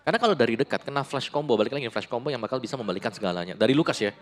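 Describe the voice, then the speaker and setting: A man's voice: mid-range voice, expressive, very fast, slight background noise. An Indonesian man giving live commentary and analysis as an esports caster. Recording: music behind the voice. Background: music.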